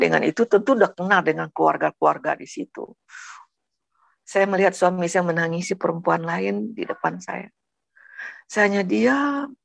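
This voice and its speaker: A woman's voice: mid-range voice, vocal fry, dry recording. A middle-aged woman telling her personal testimony earnestly, addressing the listeners directly and acting out the dialogue she recounts. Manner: earnest, keeps addressing listeners as brothers and sisters; acts out quoted dialogue. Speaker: woman giving a conversion testimony.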